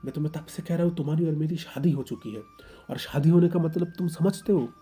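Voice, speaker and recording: Man doing a domineering husband, stern, low dark voice, faint music. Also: moderate pace, lightly acted. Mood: shouting. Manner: stern, commanding. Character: possessive, domineering young husband.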